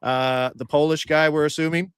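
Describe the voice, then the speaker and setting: Young male host, feisty and combative, rattles off stats, slightly high voice, dry close sound. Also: steady tone, smooth, no echo. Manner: feisty, argumentative, rapid-fire stats. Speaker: sports betting host. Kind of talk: casual sports betting chat.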